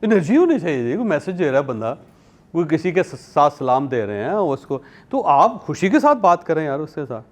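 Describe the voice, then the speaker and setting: A man from Pakistan, hosting a talk and telling lively stories, acting out the people he quotes and laughing often. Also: a little high, normal speed. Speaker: talk show host and columnist. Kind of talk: animated conversational talk.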